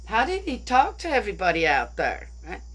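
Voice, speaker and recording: A woman with a mid-range voice and wildly swooping pitch talks briskly with a breathy edge. Leading a bible study, she works through a bible story casually, thinking aloud and repeatedly asking her listeners "right?"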